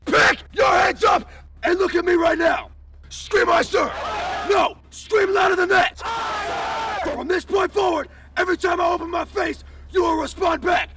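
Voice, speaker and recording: A drill instructor shouting sharp, scornful commands inside a bus. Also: male voice, very high voice, fairly even intonation, measured pace, creaky, recorded from a distance, a loud crowd, very noisy. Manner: barking, scornful orders.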